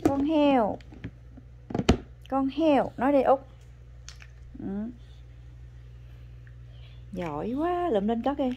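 A woman chatting at home with her toddler as a mother, coaxing and praising in a patient, gentle way. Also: sits high, animated, very slow, pauses often, husky, muffled recording. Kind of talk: casual family chat to a small child. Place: home, indoors.

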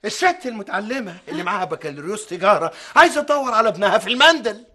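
An actor playing a middle-aged Egyptian husband, exasperated and trying to calm his wife. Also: high voice, racing, exaggerated voice. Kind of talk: TV drama acting.

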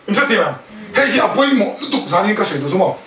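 一位在家庭团契上讲道的男人，不断向听众发问，并夹杂英语词汇。. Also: male voice, sits high, sing-song, fast talker, fairly bright tone. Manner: keeps questioning the listeners; mixes in English words. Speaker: preacher. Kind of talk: sermon at a house fellowship. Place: indoors at a home fellowship. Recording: echoey room, voice from a distance.

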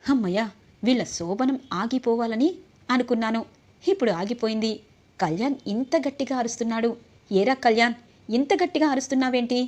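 A woman's voice: a little high, brisk, a little mellow, natural voice. Woman reading as scheming older woman, sly, scolding.

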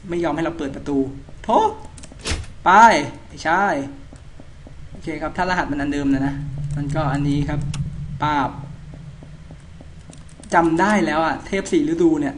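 A man's voice: fairly high pitch, steady tone, unhurried, long pauses, background noise. A man giving casual, chatty commentary as he plays a horror game, polite and talking half to himself. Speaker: let's-play gamer.

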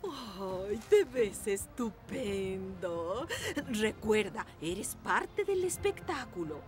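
Proud elderly grandmother, unhurried, encouraging, music underneath. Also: mid-range voice, very animated. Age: older. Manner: effusive, encouraging. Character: doting, proud old circus grandmother. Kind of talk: Spanish film dub dialogue. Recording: film dub over clear music.

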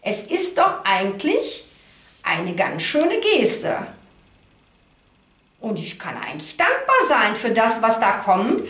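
Her pitch is fairly high and swings hugely, while her tone stays fairly bright; she speaks slowly and pauses often. The middle-aged woman hosts a casual card reading for viewers at an indoor card table, reassuring them and checking in with tag questions. The recording carries an echoey room sound.

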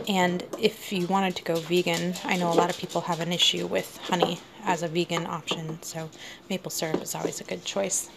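Chatty woman with a gravelly low voice. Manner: chatty, many ums, laughs easily. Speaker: food vlogger. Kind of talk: casual kitchen walkthrough. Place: home kitchen, indoors. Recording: noisy home recording.

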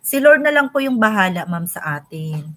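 A woman's voice: mid-range voice, big pitch swings, normal speed, fairly bright tone, slight background noise. A young woman hosting a casual live stream, chatting and greeting viewers by name.

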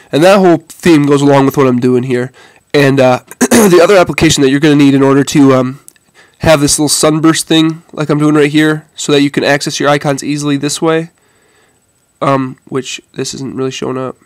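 A man's voice: a little high, steady tone, brisk, no room sound. A man sick with a head cold and a stuffy nose, giving a casual, hesitant tech tutorial to viewers. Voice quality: congested, stuffy-nosed. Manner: hesitant, informal, addresses viewers as "guys". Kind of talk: casual phone demonstration.

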